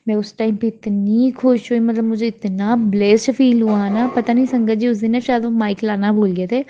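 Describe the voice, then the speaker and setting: A woman's voice: medium pitch, dark tone, highs cut off. Earnest young woman giving grateful thanks. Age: 20s. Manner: earnest, grateful, repeats thanks, mixes in English words. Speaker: devotee sharing a testimony. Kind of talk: devotional testimony, casual chat. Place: at home before a shrine.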